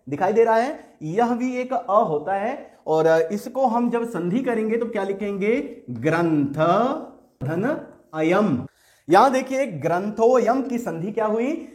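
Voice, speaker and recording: A man's voice: sits high, darkish tone. A man teaching a lesson, asking questions and then answering them himself. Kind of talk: classroom lesson explaining exercises.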